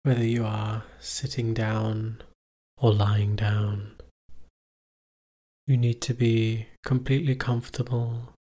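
Leading a guided meditation as a teacher, a man with a lowish voice offers calm, measured instructions, pausing at length between phrases.

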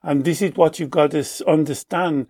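Man explaining with lively storytelling. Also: a little high, moderate pace. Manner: animated storytelling, acts out quoted voices. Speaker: therapist. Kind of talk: explaining in a conversation.

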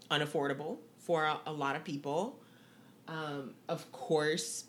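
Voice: mid-range voice, fairly bright tone, a little hiss or hum. A co-host of a casual talk show who explains at length, rambling and checking in with "right?". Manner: rambling, many ums and "right?". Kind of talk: casual chat.

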